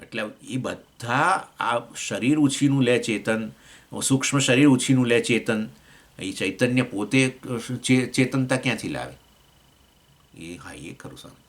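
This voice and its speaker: A man with a Gujarati accent teaching a scripture class, explaining with questions to his listeners and swinging between raised points and low asides. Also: lively intonation, measured pace. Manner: explains with questions to listeners, acts out voices of elements. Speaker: swami teaching Vedanta.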